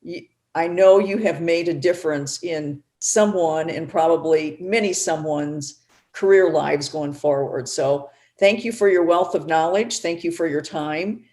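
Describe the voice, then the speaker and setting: A woman's voice: low-pitched, a little slow, a little mellow. A woman moderating a panel on a video call, gracious and thankful as she wraps it up.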